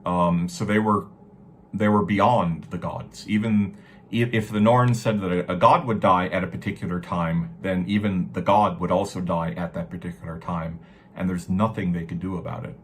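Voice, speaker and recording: Man, low-pitched voice, informal lecturer, halting and emphatic delivery, some background noise. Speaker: lecturer on Norse mythology. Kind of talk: informal explanatory lecture with read-aloud verse.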